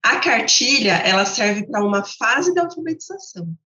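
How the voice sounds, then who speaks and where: A woman with a Brazilian Portuguese accent, a literacy educator, explains ideas to teachers didactically, restating points through contrasts. Her slightly high voice is bright and forceful, with lively intonation and a moderate pace. The room sounds roomy and slightly dull.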